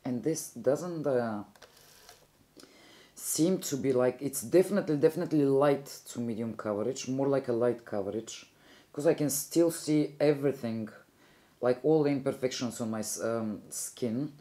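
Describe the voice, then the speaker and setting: With a very deep, warm voice at a moderate pace, a young Bulgarian-accented beauty vlogger from Bulgaria chats through a makeup tutorial. She rambles casually and keeps correcting herself mid-sentence.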